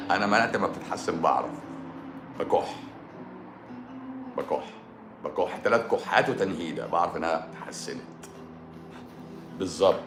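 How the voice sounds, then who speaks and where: A man's voice: sits low, lively intonation, normal speed, pauses often, noisy background. A man with an Egyptian Arabic accent hosting a live stream, answering viewer questions in a joking, sarcastic manner. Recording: roomy echo with music behind.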